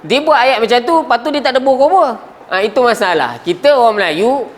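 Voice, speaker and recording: Very high-pitched and fast, this expressive male voice belongs to an Arabic grammar teacher with a Malaysian Malay accent. He constantly asks his class questions, coughs, and sometimes trails off mid-word during the lesson.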